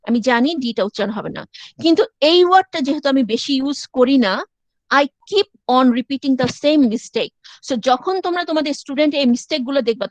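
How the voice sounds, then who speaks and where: Woman lecturer, high voice, dry close sound, step-by-step teaching with English asides. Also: no room sound. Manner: explains step by step, mixing in English phrases. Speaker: university lecturer. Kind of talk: classroom lecture.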